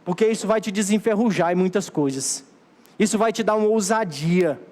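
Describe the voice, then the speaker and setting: A man's voice: sits high, fairly quick, darkish tone. A Brazilian Portuguese-speaking man preaching a sermon as pastor, exhorting his church in a repeating, emphatic cadence. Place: church sanctuary. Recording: long hall reverb of a church.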